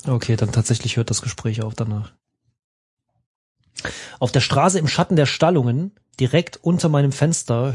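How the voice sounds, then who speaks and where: A man's voice: medium pitch, a little mellow, husky. A man playing a text adventure with a friend, counting the choices and reading story text aloud. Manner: counts choices and directs the other player. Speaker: co-player. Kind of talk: casual gaming chat.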